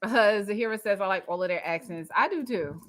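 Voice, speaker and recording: A woman co-hosting a casual recap chat, animated and laughing often as she reads comments from the live chat aloud. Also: mid-range voice, fast talker. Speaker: co-host of a reality TV recap channel.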